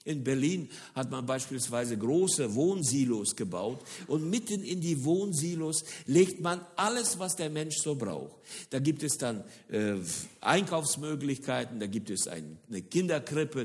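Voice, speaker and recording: A sermon on church mission comes from a middle-aged former-Soviet man, lively and lecture-like. His voice is on the high side, and he hesitates a lot, repeating words for emphasis. Long hall reverb colors the recording.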